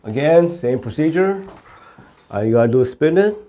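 A middle-aged auto repair instructor explains car repair to camera, plain-spoken and step by step, at a normal speed. His fairly high voice is animated and warm, captured with lo-fi sound.

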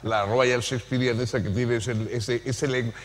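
A man's voice: mid-range voice, little pitch movement, measured pace. A man from San Sebastián speaking as a panelist, jovial, repeating himself and laughing easily. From San Sebastián, Spain. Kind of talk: live panel conversation. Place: lecture hall at a public event. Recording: hall reverb.

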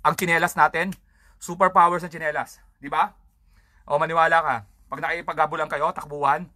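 A comedian hosts his own show with a crude, rambling rant full of swearing. His voice is bright and forceful. The sound is dry and close, with no room echo. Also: fairly high pitch, flat delivery, a little fast. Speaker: comedian host. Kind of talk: casual stand-up style rant.

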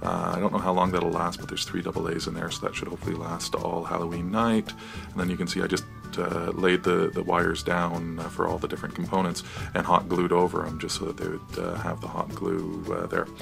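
Talking briskly in a creaky voice over music, an American man gives a low-key, off-the-cuff walkthrough of his DIY project, sounding casual and hesitant.

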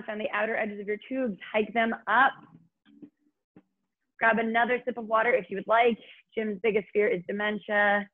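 A woman leading an online workout as an aerobics instructor, giving short, encouraging cues and countdowns in an upbeat way. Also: medium pitch. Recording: muffled, band-limited online stream audio.

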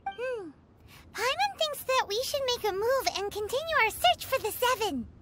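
A woman's voice: extremely high pitch, sing-song, moderate pace, heavy background noise. A woman voicing a tiny, chatty female companion in a video game who teases and refers to herself in the third person. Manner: talks about herself in third person, teasing.

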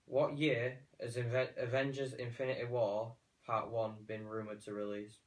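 A man's voice: medium pitch, flat delivery, moderate pace, far from the mic. A British teenage man chatting casually through a quiz on a sofa indoors. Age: teens. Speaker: challenge participant. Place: living room sofa, indoors. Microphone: camera a short distance away.

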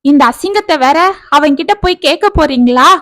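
A woman's voice: sits high, lively intonation, normal speed, a bit bright, no echo, clean studio sound. A woman voicing a middle-aged mother who talks in a scolding, outraged way.

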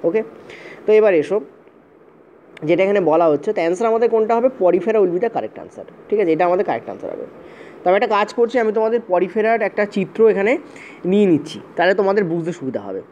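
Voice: medium pitch, lively intonation, rapid-fire, a little mellow. A teacher giving an exam-prep lecture, repeating points and checking in with "okay" often, spelling terms out letter by letter. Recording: dull, slightly lo-fi audio with faint hiss.

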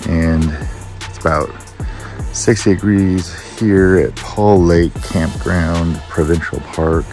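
A man giving a casual travel update for his van life vlog, chatty and relaxed with fillers, at a campground. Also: low voice, takes it slowly, faint music behind. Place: campground outdoors.

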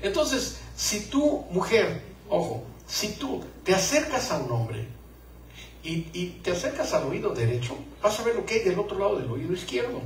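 A man's voice: high voice, sing-song, moderate pace, roomy sound, recorded from a distance, low-quality recording. A man gives a joking live talk to couples about marriage and acts out little scenes. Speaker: conference speaker on marriage.

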